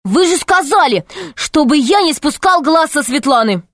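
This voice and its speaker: A woman voicing an excitable young boy who pleads urgently in an audiobook story. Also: high-pitched, normal speed, no echo, clean studio sound, voice pushed up.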